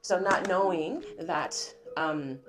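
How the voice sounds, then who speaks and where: A woman from American Samoa, the host, chats casually at home and answers questions with lots of fillers. She's sick with a cough, and her voice sits on the low side at a slow pace. The background is noisy.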